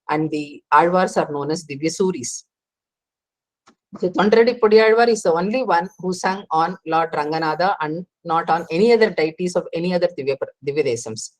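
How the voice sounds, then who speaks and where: A woman, explaining devotional texts in a class, pausing and restarting as she goes. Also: lowish voice, darkish tone. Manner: explanatory, with frequent pauses and restarts. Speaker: religious teacher.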